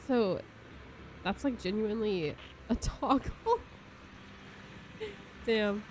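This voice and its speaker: A woman's voice: medium pitch, big pitch swings, extremely slow, darkish tone, slight background noise. A young woman, chatting casually and giggling with viewers on a live stream.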